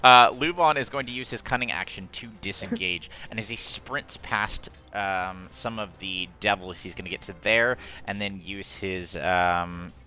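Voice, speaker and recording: A man's voice: fairly low pitch, measured pace, few pauses, bright, forceful tone. A man running a tabletop game as game master, chatty and laughing, with many fillers.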